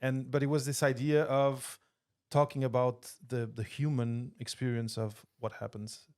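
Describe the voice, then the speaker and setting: A man's voice: medium pitch, flat delivery, moderate pace, darkish tone. Thoughtful man from Portugal, podcast guest. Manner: thoughtful, many restarts and fillers. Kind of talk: casual interview chat. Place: podcast studio.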